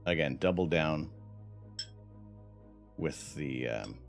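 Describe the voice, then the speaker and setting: A man hosting a live stream, chatting with viewers and thanking them, laughing and clearing his throat between bites of hot peppers. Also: very deep voice, lively intonation, slow, faint music behind. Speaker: livestream host. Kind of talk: casual live-stream chat.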